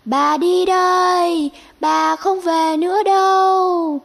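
A woman voicing an old grandmother who has become a dove, cooing and speaking slowly. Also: very high-pitched, steady tone, gravelly, soft background music, pitched above the performer's own voice, full character voice. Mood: sorrowful. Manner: slow, drawn-out cooing.

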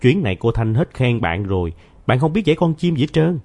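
A man voicing a sulky, stubborn schoolboy who argues in a high, childish shout. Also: very animated, brisk. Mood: taunting.

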